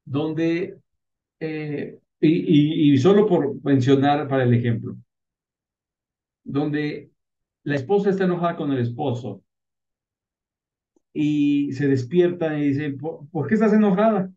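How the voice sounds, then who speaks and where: A man's voice: fairly high pitch, slow, pauses often, mellow. A man preaching a sermon as pastor. He poses rhetorical questions and answers them, and repeats words for emphasis. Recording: distant mic, dull lo-fi sound.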